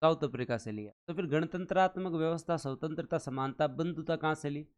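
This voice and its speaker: Smooth-voiced male teacher quizzing viewers. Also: fairly high pitch, brisk. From India. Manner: quizzes viewers, repeating questions and chanting numbers. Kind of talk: live online exam-prep lecture.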